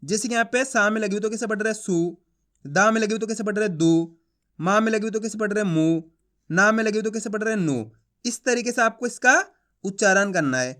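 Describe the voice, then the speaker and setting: A man with a high voice runs a beginner's reading lesson for online viewers. His tone is bright and forceful. He stretches each syllable slowly and keeps checking whether the viewer has understood. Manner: drills sounds slowly, repeats questions to the viewer. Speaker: Hindi reading teacher. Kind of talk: online lesson, teaching aloud.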